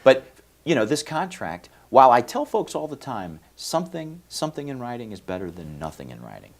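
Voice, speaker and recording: A man's voice: mid-range voice, huge pitch swings, a little fast. A man from Venezuela, a lawyer answering interview questions in a folksy, explanatory way with many fillers. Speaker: lawyer, guest. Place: TV studio.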